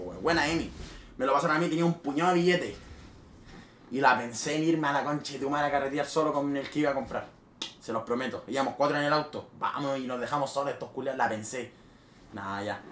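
A young man with a Chilean accent, a streamer telling a party story in casual, swear-laden speech with loud bursts. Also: a little high, a little hiss or hum. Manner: animated, swears freely, with sudden loud bursts. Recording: roomy echo.

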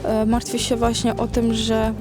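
A woman's voice: a little high, monotone, measured pace, music in the background. A woman from Ukraine speaks emotionally and pleadingly in a spontaneous street interview. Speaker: protest participant interviewed. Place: outdoors in a town square.

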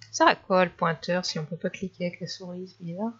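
A woman chatting casually and hesitantly while she plays a horror game in a dark bedroom. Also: fairly low pitch, fast, slightly rough, muffled recording. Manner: chatty, hesitant with many fillers. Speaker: gamer. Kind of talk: casual let's play commentary.

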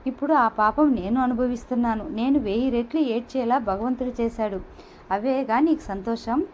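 A woman reading a hurt, quick-tempered young woman. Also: on the high side, darkish tone, a little hiss or hum, natural voice, poor audio. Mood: bitter. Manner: pleading, reproachful.

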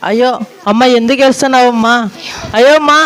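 A man's voice: extremely high pitch, fairly even intonation, very fast, pitched above the performer's own voice. A man voicing a young adult son who anxiously asks his mother why she is crying, in a comedic skit. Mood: concerned.

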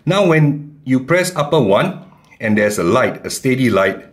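A man calmly giving step-by-step keyboard instructions in a tutorial. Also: mid-range voice, a little slow. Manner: calm, plain instructions. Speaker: keyboard teacher.

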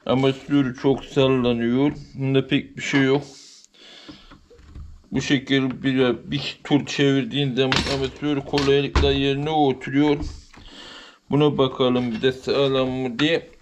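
A man in his thirties talks through a repair in a plain, matter-of-fact way, his voice flat and of middle pitch. He is recorded on a camera mic in an open workshop, with steady noise behind him. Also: a little slow, highs cut off. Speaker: repair channel host. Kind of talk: casual repair walkthrough. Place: open workshop with outdoor light. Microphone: camera mic, filming his own hands.

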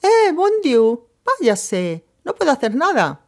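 A woman's voice: sits high, wildly swooping pitch, slow pace, pitched above the performer's own voice, exaggerated voice. A woman voicing a frantic middle-aged hotel proprietress with a Corsican Italian accent, pleading and calling out. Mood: pleading, panicked. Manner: pleading, shouting from afar.

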